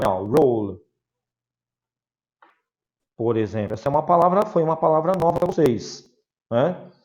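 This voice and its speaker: A man's voice: a little high, a little mellow, highs cut off. A man with a Brazilian Portuguese accent teaching an English class over a video call, explaining patiently with examples.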